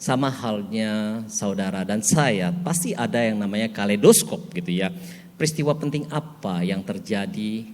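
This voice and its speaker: Older man, pastor, casual storytelling sermon, low voice, long echoing hall reverb. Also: normal speed, a little mellow. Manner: chatty storytelling with laughs. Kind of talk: sermon with anecdote.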